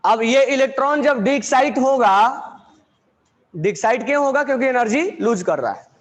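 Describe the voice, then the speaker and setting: A man's voice: very high voice, lively intonation, moderate pace. A man teaching chemistry to a class, drilling students with repeated questions and mixing terms into his lecture.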